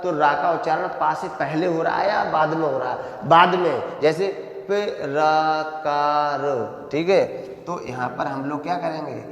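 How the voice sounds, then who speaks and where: A man teaching young pupils, his voice sitting a little high and ringing through a bare, reverberant room with a long echo. He draws syllables out slowly and keeps asking a question, then answering it himself. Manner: slow, drawn-out syllables, asks questions and answers them himself. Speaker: primary school Hindi teacher. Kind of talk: classroom lesson explaining grammar.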